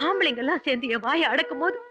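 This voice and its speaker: A woman's voice: high voice, lively intonation, racing, sharp tone, highs cut off, soft background music. An actress playing an aggrieved middle-aged mother who laments and weeps, speaking. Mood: weeping. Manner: tearful, lamenting, scolding her daughters. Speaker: mother in a film family drama.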